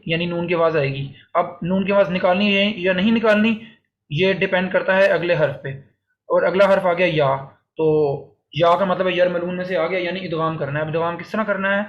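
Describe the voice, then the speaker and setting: A man gives an online recitation lesson, his voice a little high. He explains each rule step by step and recites the verses slowly, then repeats them. The audio is dull and lo-fi. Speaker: Quran teacher. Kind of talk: recorded online lesson on Quran recitation rules.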